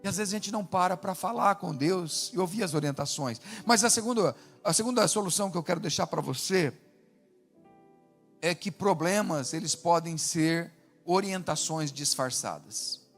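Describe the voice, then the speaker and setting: Male pastor, lively preaching delivery, high voice, big reverberant hall. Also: moderate pace. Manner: animated preaching with acted quotes, rising and dropping to a hush. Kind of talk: sermon. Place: large church hall. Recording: long hall reverb with faint music.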